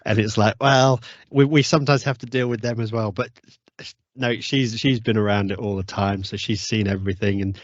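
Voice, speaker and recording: A man with a low voice hosts a casual podcast chat, stumbling and repeating words before he lands on his point. The sound is dry, close and a little muffled. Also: steady tone, dry recording. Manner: halting, repeats words as he talks. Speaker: podcast host.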